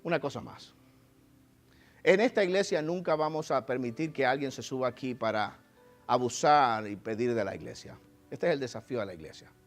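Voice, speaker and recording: A male pastor preaching a sermon, shifting from quiet, conversational asides to loud, emphatic exhortation. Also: mid-range voice, lively intonation, brisk, soft background music. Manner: acts out congregation members in mock voices. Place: church sanctuary.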